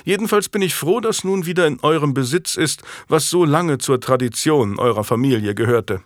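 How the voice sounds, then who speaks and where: A man voicing a genial, self-assured young English king in an audiobook, speaking in a lively, smiling way. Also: a little high, moderate pace, dry recording, clean studio sound, pitched above the performer's own voice, close to an everyday voice. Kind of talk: audiobook character voice.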